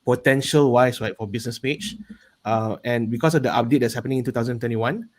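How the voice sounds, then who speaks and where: A man's voice: medium pitch, quick pace, a little mellow. A man with a Malaysian accent giving a casual explanation as a panel guest, often checking in with a "right?". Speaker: panel guest, business coach.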